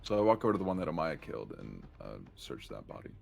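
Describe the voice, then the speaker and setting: Young guy player, really low gravelly voice, swoopy, kinda rambly. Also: huge pitch swings, fast talker, soft background music. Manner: rambling, hesitant, many fillers. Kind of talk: tabletop game play.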